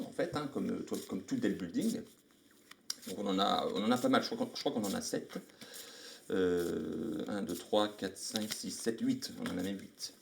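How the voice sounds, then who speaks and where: A man's voice: medium pitch, creaky, darkish tone, a little hiss or hum. Chatty man explaining game rules. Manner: chatty, thinks aloud, greets viewers mid-explanation. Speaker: live-stream host. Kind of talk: casual board game rules explanation on a live stream. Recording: echoey room.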